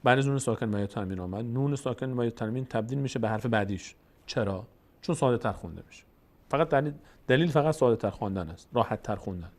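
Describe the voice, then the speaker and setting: Man, Tajik accent, calm recitation teacher, middle voice, repeats and stretches sounds. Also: mid-range voice. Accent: Tajik-accented Persian. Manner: patient, repeats letters and drawn-out sounds for practice. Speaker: Quran reading teacher. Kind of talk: step-by-step recitation lesson.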